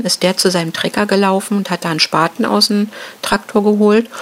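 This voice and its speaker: German-speaking woman recounting a frightening attack. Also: mid-range voice. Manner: halting, many fillers and restarts. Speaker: interviewee. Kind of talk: emotional personal account.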